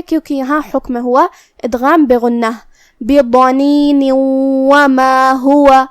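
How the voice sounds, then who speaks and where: Woman, high voice, dry close sound; patient recitation teacher who explains pronunciation step by step. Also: darkish tone, no room sound. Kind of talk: tajweed pronunciation lesson.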